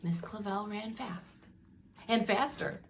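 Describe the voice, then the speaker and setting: Pausing now and then to explain and pose questions, a woman who teaches preschool reads a picture book expressively to young kids. She has a mid-range voice, with slight background noise.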